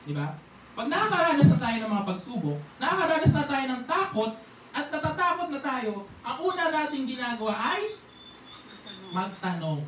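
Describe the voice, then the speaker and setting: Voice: high-pitched, sing-song, moderate pace, a bit bright. Preacher in an echoey church hall. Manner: conversational preaching, keeps asking "di ba?" and acting out prayers. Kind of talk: sermon. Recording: echoey hall, voice from far off, faint hiss.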